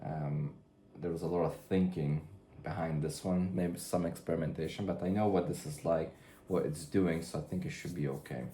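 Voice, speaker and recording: A man talking through his drawing work in a rambling way, now and then yelling toward a camera set far away. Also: deep voice, steady tone, normal speed, a little hiss or hum. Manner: musing, trails off, then loud mock drill-sergeant yelling. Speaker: artist narrating his drawing process. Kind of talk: rambling studio commentary. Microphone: far camera mic. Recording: echoey room from far off.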